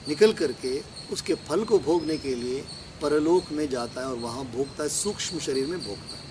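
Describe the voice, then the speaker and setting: A man giving a religious discourse, explaining scripture verses line by line and asking and answering his own questions. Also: a little high. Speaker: spiritual teacher. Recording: clear background noise with crickets.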